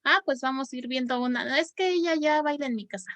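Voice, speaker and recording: A woman's voice: high voice, fairly quick, no echo. Chatty woman telling a story. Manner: chatty, animated, acts out quoted dialogue. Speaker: teacher. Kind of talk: personal storytelling in a panel talk.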